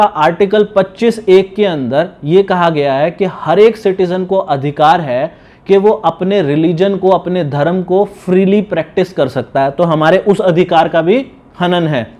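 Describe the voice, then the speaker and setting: In a slightly high, darkish voice, a man talks through legal matters in a casual way, like an advocate speaking to viewers. He teaches as he goes and keeps restating his main points.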